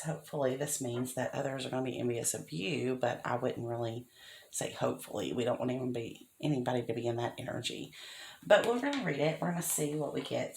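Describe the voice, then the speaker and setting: A woman's voice: rumbling low, gravelly, slight background noise. A woman giving a casual tarot reading, chatty and often checking in with the listener. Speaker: tarot reader. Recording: echoey room.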